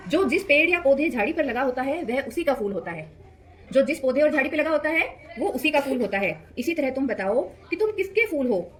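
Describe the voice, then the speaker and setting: A woman voicing a gentle, patient talking flower that explains things softly and kindly. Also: sits high, very animated, brisk. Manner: soft, coaxing explanations. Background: background music.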